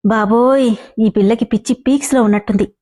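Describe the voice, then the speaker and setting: A woman's voice: a little high, fairly even intonation, brisk, dark tone, close to an everyday voice. A woman voicing an exasperated, blunt young man who answers curtly. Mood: irritated. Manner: curt, annoyed.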